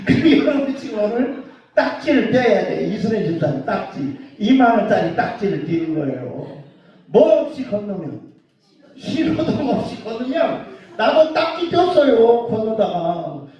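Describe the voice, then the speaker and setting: A male pastor preaching a sermon in an animated way, joking and scolding with rhetorical questions. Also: high-pitched, normal speed. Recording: roomy dull sound from far off.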